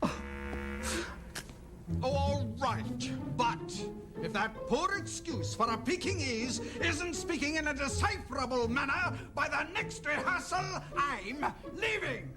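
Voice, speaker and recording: An actor playing a fussy, easily outraged stage director in a sitcom, speaking with melodramatic indignation. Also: male voice, very high-pitched, lively intonation, takes it slowly, over loud music, heavily acted. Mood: huffy. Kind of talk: theatrical sitcom acting.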